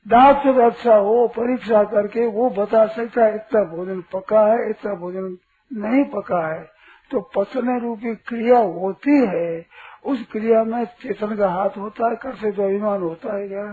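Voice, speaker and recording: On a tinny lo-fi recording with faint hiss, a man in a high-pitched, unhurried voice gives a spiritual discourse to an audience as their teacher. He asks rhetorical questions and sternly corrects a questioner.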